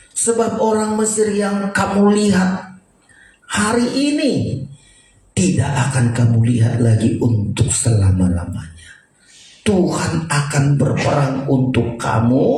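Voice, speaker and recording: A man preaching a sermon as pastor, with sudden loud high bursts. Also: creaky, recorded from a distance, a little hiss or hum. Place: church. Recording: echoey church hall from afar.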